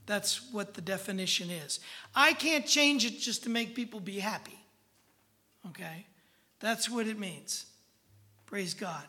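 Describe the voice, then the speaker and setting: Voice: mid-range voice, animated, a little slow, pauses often, pushed and bright. A preacher giving a conversational Bible-teaching sermon in a folksy, informal way, often checking in with the listeners.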